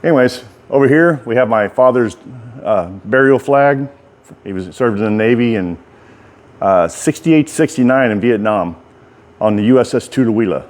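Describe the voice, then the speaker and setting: A man's voice: medium pitch, moderate pace, darkish tone. A middle-aged American man giving a casual, rambling walk-through tour in folksy, informal speech, talking out of the side of his mouth. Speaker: writer and bladesmith giving a workshop tour.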